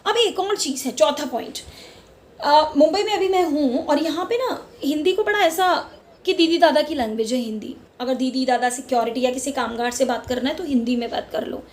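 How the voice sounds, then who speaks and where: Speaking in Hindi mixed with English words, a Mumbai-based, middle-aged Indian woman shares her views on her own casual vlog with real passion, doubling up words to stress her points. Her voice is high and her pace normal.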